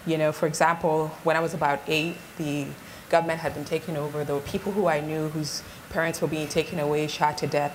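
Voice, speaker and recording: A woman who grew up in Ghana, speaking as a guest on a live event panel, earnest and measured as she tells her story. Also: low voice, a little hiss or hum, low-quality recording. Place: event stage before an audience.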